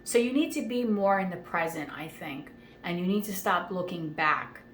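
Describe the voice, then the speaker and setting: A woman's voice: lowish voice, animated, normal speed. A woman reading tarot cards in a chatty, reassuring way, often checking in with the listener. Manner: chatty, reassuring, frequent "okay?" check-ins. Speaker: tarot reader. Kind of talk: casual tarot reading monologue. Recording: echoey room with faint ambient noise.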